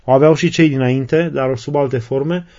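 Man preaching in a mellow, muffled voice. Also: medium pitch, steady tone. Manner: reads a passage, then retells and explains it with fillers and restarts. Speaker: Orthodox preacher. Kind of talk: sermon reading and explaining desert fathers' sayings.

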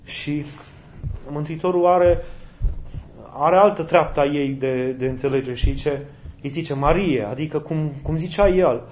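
A man's voice: on the high side, darkish tone, a little hiss or hum. Conversational male preacher, lo-fi sound. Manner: conversational, with rhetorical questions and acted-out quotes. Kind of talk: sermon.

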